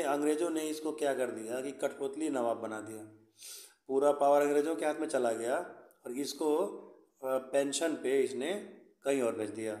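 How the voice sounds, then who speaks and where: A man's voice: mid-range voice, darkish tone, roomy sound. A man teaching a school history lesson, explaining step by step, often checking in with "theek hai" and mixing in English words.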